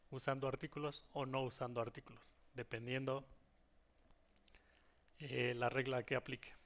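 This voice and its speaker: A man's voice: mid-range voice, gravelly, fairly bright tone. A man teaching English grammar in a recorded lesson, explaining patiently and often checking in with students.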